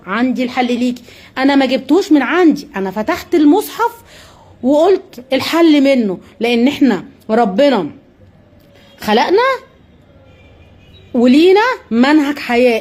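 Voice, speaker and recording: A woman's voice: high voice, darkish tone. A woman with an Egyptian accent giving a live-streamed religious talk. She talks to her viewers directly in an earnest, coaxing way and keeps asking questions that she then answers herself. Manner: asks rhetorical questions and answers them herself.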